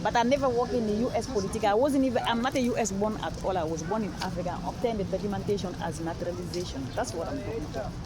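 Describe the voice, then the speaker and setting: A Malian woman with a mid-range voice races through a rambling personal story with hardly any pauses, over a noisy crowd. Stopped for a street interview on a busy city street, she repeats herself insistently and keeps asking "all right?" amid traffic and street noise.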